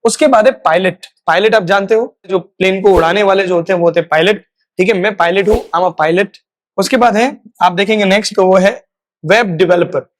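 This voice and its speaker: A man teaching a spoken English lesson. He repeats each example phrase, stretches it out slowly, and checks in often with "right?". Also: high voice. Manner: slow, drawn-out model phrases; repeats words for practice.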